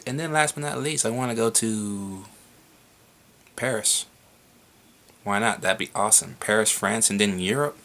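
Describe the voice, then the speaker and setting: A young man rambles through viewer questions in a casual home vlog. His voice sits low with a gravelly edge but a bright, forward tone, and he swears freely. A faint hiss hangs behind the camera mic. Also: moderate pace, pauses often. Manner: rambling, frequent swearing, laughs. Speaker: vlogger answering viewer questions.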